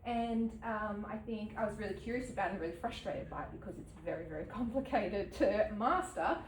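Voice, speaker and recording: Speaking off the cuff at a gallery event, this Australian woman from New South Wales is an artist addressing an audience at medium pitch. She hesitates a lot, dropping in ums and quiet laughs, and the sound is roomy, captured from some distance over a faint background hum.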